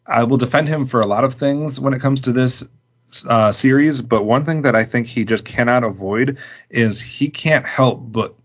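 A man co-hosting a podcast in a relaxed, rambling casual chat. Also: medium pitch, normal speed. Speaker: podcast co-host. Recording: dull lo-fi podcast audio.

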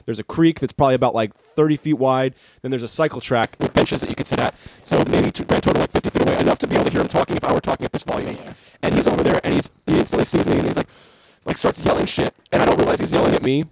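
Fast-talking man telling stories. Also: medium pitch, very noisy. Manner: profane, animated storyteller. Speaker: podcast co-host. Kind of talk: casual chat.

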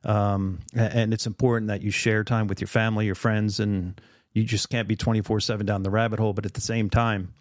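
A man's voice: fairly low pitch, level tone, brisk, no room sound. Earnest middle-aged man, dry close sound. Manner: earnest, reflective, with many fillers. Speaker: podcast host. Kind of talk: casual conversation.

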